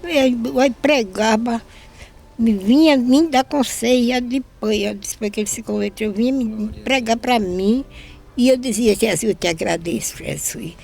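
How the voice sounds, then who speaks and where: An older woman from northeastern Brazil gives an emotional religious testimony about her son, often repeating herself and quoting others. Her voice is a little high, a little slow, and somewhat mellow.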